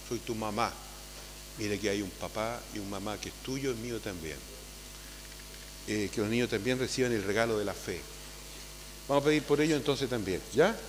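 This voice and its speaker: Priest preaching in a reverberant church. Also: male voice, medium pitch. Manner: conversational, tags phrases with "¿ah?"; calls out loudly to gather children. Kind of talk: homily at Sunday Mass. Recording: long church reverb with faint hum.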